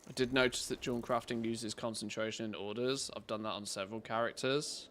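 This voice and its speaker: A man's voice: on the low side, fairly even intonation, brisk, fairly bright tone, slight background noise. A man giving casual gameplay commentary, thinking aloud in an informal way. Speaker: gaming content creator.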